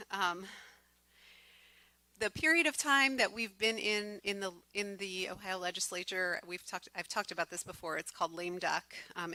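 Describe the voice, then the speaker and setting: Woman running a board meeting, talks fast w lots of ums, lowish bright voice, dry sound. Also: no room sound, rough recording. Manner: fast-talking with many ums. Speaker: board president.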